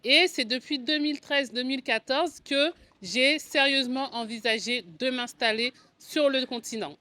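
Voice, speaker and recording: A French woman in her forties, a video channel host and agency co-founder, tells her own story to camera in a conversational, explanatory vlog style. Her voice is a little high with a sharp tone and a French accent.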